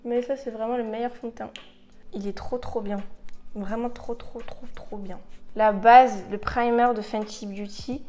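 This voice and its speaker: Young woman, beauty vlog, bit high voice, chatty w/ english slang thrown in, faint music behind. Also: a little mellow. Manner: chatty, mixes English phrases, dramatic outbursts. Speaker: beauty vlogger. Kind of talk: casual makeup tutorial chat.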